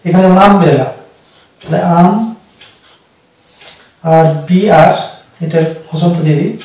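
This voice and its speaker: Male teacher with a Bengali accent, moderately high voice, hesitant explainer, recorded off mic with heavy room echo. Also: a little mellow, far from the mic. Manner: slow, with frequent hesitations and spelled-out letters. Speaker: English teacher. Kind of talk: explanatory lesson. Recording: echoey room, voice a bit off mic.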